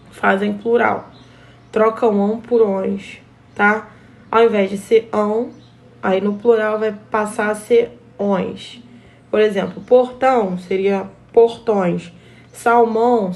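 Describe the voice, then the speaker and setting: A woman's voice: medium pitch, vocal fry, darkish tone. A woman teacher with a Brazilian accent who gives a grammar lesson step by step and often checks in with the class. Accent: Brazilian Portuguese. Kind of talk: recorded grammar lesson for pupils.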